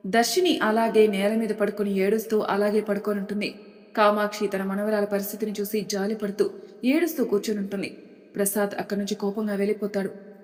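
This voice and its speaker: A woman with a Telugu accent narrating an audio story in a steady, even reading voice. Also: mid-range voice. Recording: long hall reverb.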